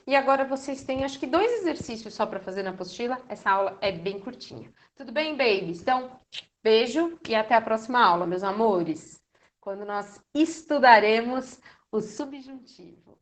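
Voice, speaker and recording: A young Brazilian woman, a Portuguese teacher, explains grammar to teenagers in a casual, affectionate way, tagging her sentences with "né?". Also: fairly high pitch. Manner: chatty, affectionate, many "né?" and "então". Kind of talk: casual recorded lesson for teenagers.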